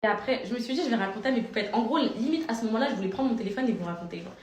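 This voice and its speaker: A woman's voice: fairly high pitch, roomy sound. A young woman, a social media influencer, telling her followers a story in a casual, slangy way. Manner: rapid, animated, slangy.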